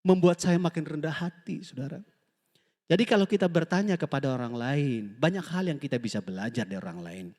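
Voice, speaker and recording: Male pastor, high voice, animated sermon delivery, reverberant church hall. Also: brisk. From Indonesia. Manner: lively preaching, often asks the congregation for amen; animated storytelling, acts out quoted dialogue.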